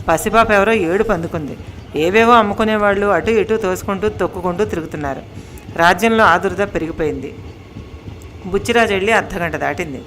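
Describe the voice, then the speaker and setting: A woman reading a comic story aloud, narrating in a steady, expressive way. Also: lowish voice, slight background noise.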